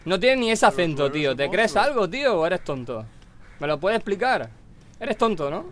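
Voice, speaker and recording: A man's voice: sits high, sing-song, normal speed, a bit bright. A young man with a Spanish accent from Spain, streaming a game and arguing bluntly with other players. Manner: irritated, blunt, swearing. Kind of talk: live gaming stream chat.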